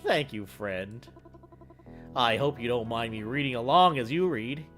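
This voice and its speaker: A man's voice: mid-range voice, a little slow, fairly bright tone, soft background music, natural voice. A man voicing a chirpy, cheerful male AI program with a goofy cartoon-dog sound, friendly and doting, in a let's play. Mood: gentle, curious. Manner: chirpy, sing-song, robotically polite.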